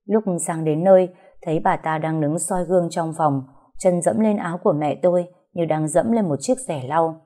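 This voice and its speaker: A woman narrating a dramatic first-person family story in steady storytelling. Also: lowish voice, moderate pace.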